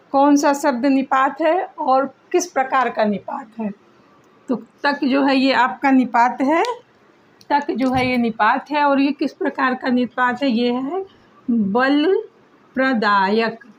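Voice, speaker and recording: A woman teaching Hindi grammar for exams, reading questions aloud slowly and repeating words so students can write them down. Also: high-pitched, muffled recording. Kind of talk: exam-prep grammar lesson.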